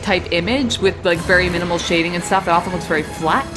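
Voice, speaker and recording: A woman's voice: lowish voice, fast talker, over music, rough recording. A young adult woman co-hosting a podcast, chatting casually and explaining animation industry terms with a lot of "like". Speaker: podcast co-host. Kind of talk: casual chat reviewing a cartoon.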